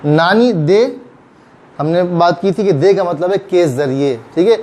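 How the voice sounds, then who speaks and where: A man with an Urdu accent teaching Japanese grammar, patiently repeating example phrases slowly. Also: high voice, darkish tone. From Pakistan. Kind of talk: explaining grammar in a recorded lesson.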